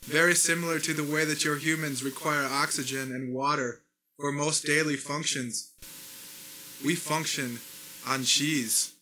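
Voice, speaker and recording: A man's voice: a little high, fairly even intonation, a little slow, sharp tone, a little hiss or hum, rough recording. A man playing a stiff formal alien envoy. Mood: solemn. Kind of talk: comedy sketch acting.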